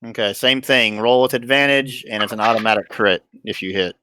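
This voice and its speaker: A man's voice: fairly low pitch, fairly quick, slight background noise. Laid-back man running a tabletop game. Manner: relaxed, laughs between rulings. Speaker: dungeon master. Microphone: online voice chat.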